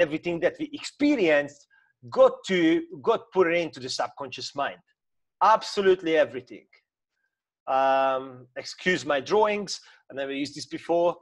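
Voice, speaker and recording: Man, 30s, Hungarian accent, fairly high voice, informal coaching talk, halting with fillers. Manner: hesitant, many fillers and restarts, non-native grammar. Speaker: mindset coach. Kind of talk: informal talk to camera with screen-share explanation.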